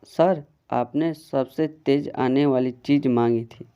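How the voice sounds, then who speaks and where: A man voicing a polite, quietly teasing restaurant waiter in a read-aloud joke. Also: mid-range voice, steady tone, slow pace, smooth, highs cut off, natural voice.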